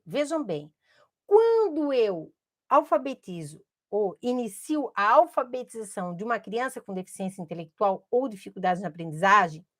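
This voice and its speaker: Lady teacher, high voice, talks slow, drills vowel sounds for viewers. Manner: direct instructional tone, drills sounds aloud. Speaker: literacy teacher. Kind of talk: video lesson to teachers.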